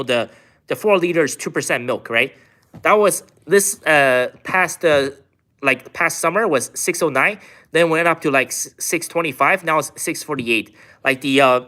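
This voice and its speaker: His voice is a little high, pushed and bright. This livestream host from China reads out chat questions casually and wanders through his replies, heavy on fillers like "like."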